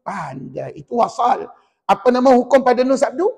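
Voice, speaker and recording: Animated high-voiced Malaysian teacher, gravelly. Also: male voice, moderate pace, big-room sound. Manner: animated, calls out and corrects recitations, teasing. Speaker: Quran recitation teacher. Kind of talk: tajwid class drilling students. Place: mosque classroom.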